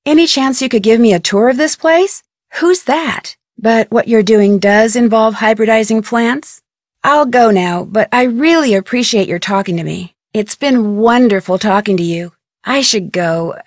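Nancy Drew, inquisitive high-voiced young American detective. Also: female voice, a little slow, no room sound, studio quality. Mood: polite, curious. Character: inquisitive, polite, persistent young female amateur detective. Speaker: video game voice actress. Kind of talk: scripted adventure game dialogue.

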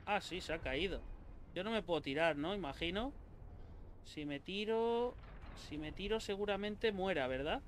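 Narrating live as he plays, this gaming YouTuber from Spain speaks with a Spanish accent and a voice that's high for a man. He's excitable, curses freely, and chats both to himself and to viewers, with a faint hum underneath.

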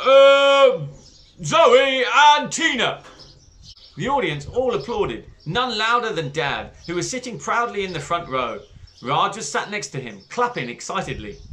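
Animated man reading a children's story. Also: sits high, a little hiss or hum. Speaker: book club reader. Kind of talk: reading a children's book aloud.

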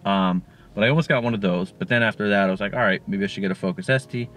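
A man in his twenties, from Connecticut, chatting casually in a parked car, relaxed and rambling with plenty of fillers. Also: fairly low pitch, fast talker. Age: 20s. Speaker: co-host. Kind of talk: casual Q&A chat. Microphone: camera on the dashboard.

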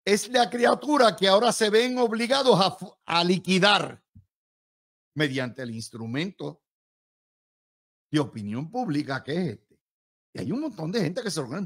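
A man with a Puerto Rican accent giving emphatic, combative and sarcastic political commentary as an analyst. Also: a little high.

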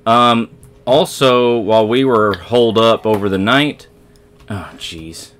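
A man with a low voice hosts a casual let's play, talking straight to his viewers as he plays. He rambles and corrects himself mid-sentence, filling gaps with easygoing chatter. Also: takes it slowly, fairly bright tone. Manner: rambling, self-correcting, talks to viewers while playing. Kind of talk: casual gameplay commentary.

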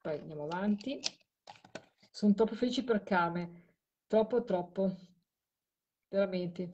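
A woman's voice: medium pitch, measured pace, mellow, dull audio. A tired woman hosting a late live stream, talking to a caller while she replays audio clips. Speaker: host of a live show on spirit voice recordings.

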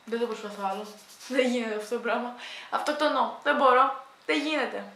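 A woman's voice: on the high side, a bit bright. A woman vlogger chatting casually and playfully, laughing at her own attempts at foreign words. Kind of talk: casual vlog chat. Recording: echoey room.

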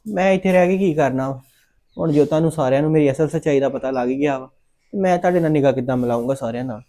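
A man's voice: fairly high pitch, rapid-fire, warm tone, natural voice. A man with a Punjabi accent playing a young adopted son who is ashamed and insists on leaving home. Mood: hurt pleading.

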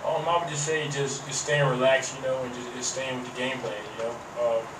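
A young college basketball player answering at a press conference, halting, full of fillers and repeated words, picked up from a distance on a table mic in a press room. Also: male voice, medium pitch. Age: young adult. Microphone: table mic on a stand. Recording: echoey room mic from a distance, steady hum.

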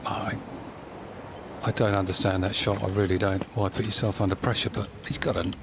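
A man's voice: on the low side, flat delivery, brisk, creaky. A man giving conversational live golf commentary, often turning remarks into tag questions. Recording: noisy outdoor broadcast ambience.

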